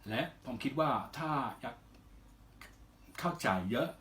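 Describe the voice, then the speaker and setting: Giving casual interview answers, this foreign male singer speaks non-native Thai with a Western accent. His voice is medium in pitch and fairly bright, and he picks his words carefully in short, halting phrases padded with polite particles.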